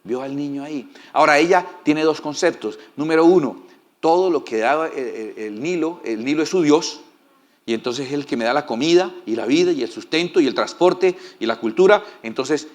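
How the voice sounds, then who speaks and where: A man's voice: fairly high pitch, moderate pace. A male pastor preaching a sermon in a folksy, joking way and often asking the congregation for agreement.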